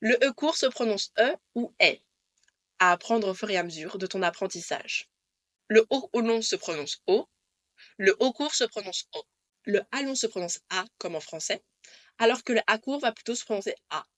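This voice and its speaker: A woman teaching Dutch pronunciation to camera, patiently repeating the rules in a clear way. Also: mid-range voice, lively intonation, normal speed, a bit bright, dry recording, clean studio sound.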